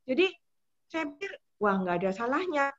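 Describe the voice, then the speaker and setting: A woman giving a motivational talk to an audience about her sales work. She talks fast and punchy, with lots of energy, acting out her own doubts and thoughts. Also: high-pitched, big pitch swings, lo-fi sound. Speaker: insurance agency leader giving a motivational talk.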